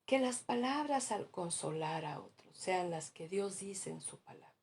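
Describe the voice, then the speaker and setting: A woman's voice: on the low side, expressive, unhurried, gravelly, a little mellow, a little hiss or hum. A woman pastor preaching a sermon in an earnest, exhorting way, at times dropping to a near-whisper.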